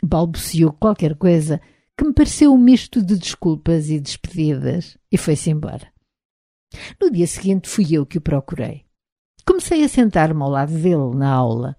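Woman reading an audiobook, portuguese accent from portugal, lowish mellow voice, dry close mic. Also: no room sound. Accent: European Portuguese. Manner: measured, even literary reading. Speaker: audiobook narrator. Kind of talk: scripted audiobook narration.

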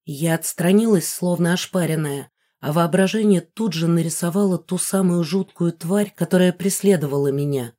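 A woman narrating a first-person novel as an audiobook in a smooth, even storytelling manner. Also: on the low side, moderate pace, hardly any pauses.

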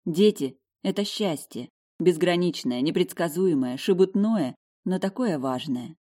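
A woman narrating an audiobook in the first person, in a lively, emotional way. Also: on the low side, a little slow. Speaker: audiobook reader.

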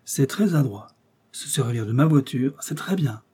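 A man voicing a calm, confident police chief. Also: mid-range voice, moderate pace, breathy edge. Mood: amused. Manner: composed, amused.

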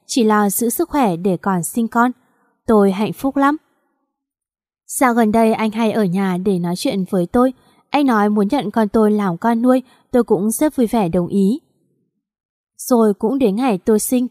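A woman's voice: mid-range voice, normal speed, a little mellow, no room sound, studio quality. A woman narrating a romance story in the first person, reading evenly and steadily. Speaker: audiobook narrator.

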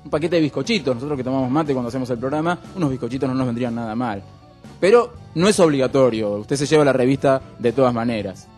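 A man with an Argentine accent hosting a radio show, explaining things in a wry, relaxed way with lots of fillers. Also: medium pitch, quick pace, faint music behind. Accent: Argentine Spanish. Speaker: radio host. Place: radio studio.

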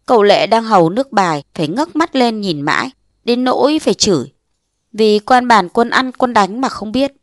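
A woman narrating a short story aloud in lively storytelling style, acting out the dialogue in changed voices. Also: on the high side, moderate pace, dry recording, clean studio sound. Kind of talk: audiobook reading of a short story.

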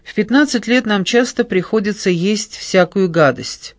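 Male narrator voicing a wry middle-aged woman, cool metallic tone, slightly high voice, dry close sound. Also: normal speed, no echo.

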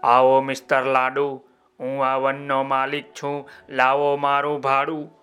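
Man voices greedy storybook wolf, bossy and demanding, a bit lower, slow. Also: completely flat delivery, fairly bright tone, smooth, faint music behind, natural voice. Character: greedy male wolf claiming the forest.

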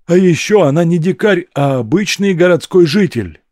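A man voicing a scrappy, chatty young hustler who talks quickly and cheekily. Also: high-pitched, expressive, dark tone, no echo, clean studio sound, voice pushed up. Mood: cheeky.

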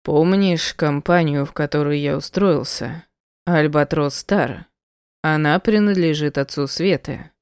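A woman reading an audiobook voices a stern man who gruffly insists on being heard. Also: sits low, a little slow, a little mellow, no echo, studio quality. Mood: insistent. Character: stern man, the narrator's former lover.

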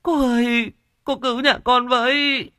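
A man's voice: very high voice, little pitch movement, measured pace, sharp tone, no echo, clean studio sound, voice pushed up, exaggerated voice. A man voicing a frightened middle-aged wife who pleads tearfully and stammers. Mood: pleading.

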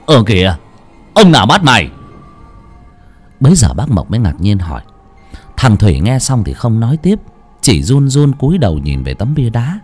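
Expressive male storyteller, low voice. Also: normal speed, slightly rough, faint music behind. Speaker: audiobook narrator. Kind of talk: audio storybook narration.

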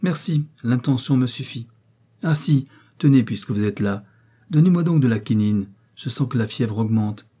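A man's voice: medium pitch, animated, moderate pace, warm tone, husky. Man voicing a cold, sarcastic prince. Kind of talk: audiobook character reading.

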